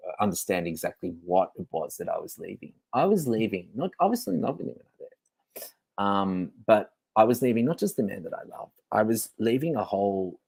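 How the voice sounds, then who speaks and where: Low gravelly man speaking candidly. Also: very animated, fairly quick, a little mellow, dry recording. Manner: candid, rambling, swears freely. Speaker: host. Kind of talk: confessional monologue.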